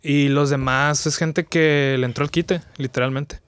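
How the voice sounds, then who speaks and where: Young Mexican man, podcast guest, rambling slangy storyteller, crisp, dry sound. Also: a little high, fairly even intonation, measured pace, fairly bright tone, no room sound. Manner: slangy, rambling, many restarts. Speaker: podcast guest, video creator. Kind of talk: casual chat, retelling an anime plot.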